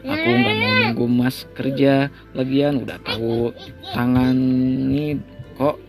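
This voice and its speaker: A sulky, easily hurt young pregnant wife pleads and apologizes, as a man reads her lines in a gravelly, unaltered voice. Music plays behind her. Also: a bass voice, fairly even intonation, slow pace, full character voice. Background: background music.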